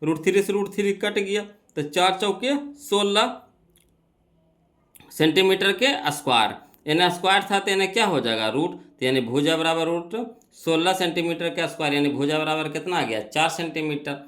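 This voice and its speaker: A man's voice: a little high, normal speed, fairly bright tone. A young man teaching an exam-prep math lesson, working through problems step by step, asking and answering his own questions and repeating key phrases.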